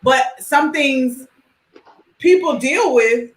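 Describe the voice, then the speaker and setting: Hesitant woman co-host in an echoey room. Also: high voice. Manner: hesitant, measured, many fillers. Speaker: podcast co-host. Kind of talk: casual panel chat.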